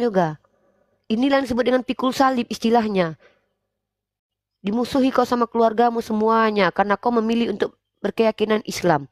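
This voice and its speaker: A woman hosting a religious debate livestream, scolding and preaching in a forceful way. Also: mid-range voice, no echo. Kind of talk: livestream talk.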